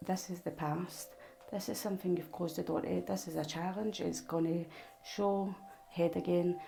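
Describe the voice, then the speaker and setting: A woman's voice: on the low side, fairly even intonation, normal speed, gravelly, dark tone, low-quality recording. A Scottish woman with a Glasgow accent, giving a casual, rambling tarot reading straight to the viewer. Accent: Glaswegian Scottish. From Glasgow, Scotland. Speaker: tarot reader.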